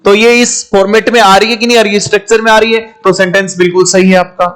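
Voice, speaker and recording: A man's voice: sits high, flat delivery, quick pace, fairly bright tone. A man teaching an English grammar class, asking questions and repeating the answers, calling his students "my children". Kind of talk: classroom lecture.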